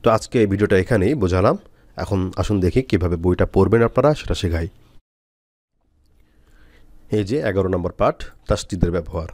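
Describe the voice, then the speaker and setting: A man teaching Quran reading, spelling out letters and syllables slowly with frequent pauses. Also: sits low, darkish tone, dry recording, clean studio sound. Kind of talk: step-by-step spelling lesson.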